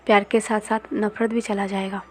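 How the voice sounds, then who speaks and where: A woman voicing a calm married young man who explains and soothes. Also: mid-range voice, normal speed, close to an everyday voice.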